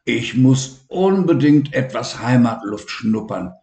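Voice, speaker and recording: A man's voice: medium pitch, expressive, slow pace, roomy sound, pitched above the performer's own voice. A man voicing a proud, caring male lion king in a storybook reading. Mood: reassuring. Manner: reassuring, bold, loud roars.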